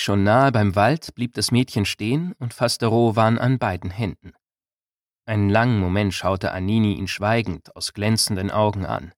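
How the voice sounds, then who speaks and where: A man calmly reading a German novel aloud as an audiobook narrator. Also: on the low side, no room sound, clean studio sound. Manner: calm, measured storytelling. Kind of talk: scripted narration.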